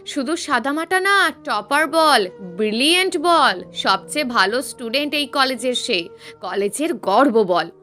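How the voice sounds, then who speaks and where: A woman's voice: sits high, lively intonation, a little slow, sharp tone, faint music behind, full character voice. A woman voicing mocking young female college friends who goad and tease. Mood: taunting. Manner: mocking, goading.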